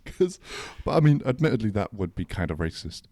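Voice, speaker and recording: A man's voice: lowish voice, very animated, brisk, dark tone, no room sound, clean studio sound. A man co-hosting a podcast in casual chat, laughing often and restarting his sentences. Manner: laughing, stumbling restarts, slangy. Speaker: podcast co-host.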